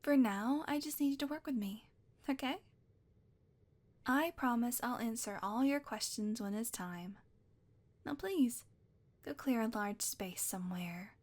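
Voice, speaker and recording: A young woman plays an obsessive, possessive witch in an audio roleplay, sounding sweet, coaxing, and softly controlling, and often dropping to a whisper. Her voice is fairly high and unhurried, with long pauses.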